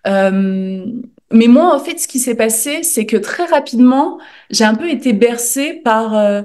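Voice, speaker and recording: A French woman, a journalist and author, speaks informally and reflectively as a podcast guest in a casual interview. Her voice is a little high and darkish, a little slow with lively intonation, and she often checks in with "tu vois."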